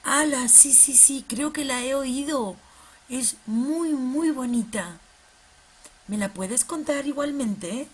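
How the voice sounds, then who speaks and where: A woman voicing an excitable, scatterbrained boy puppet who keeps exclaiming eagerly in a children's church show. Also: sits high, slow pace, breathy edge, exaggerated voice. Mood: excited.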